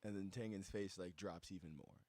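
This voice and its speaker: A man co-hosting a podcast, telling a story in casual chat with lively delivery and lots of laughter. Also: low voice, fairly quick, no room sound. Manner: animated storyteller, acts out quoted voices, laughs often. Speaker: podcast co-host.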